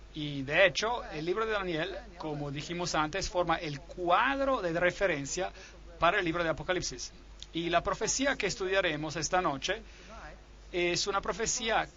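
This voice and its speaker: High bright-voiced man lecturing on prophecy. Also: highs cut off. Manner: steady explanatory delivery, reading Bible verses aloud. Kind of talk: sermon lecture.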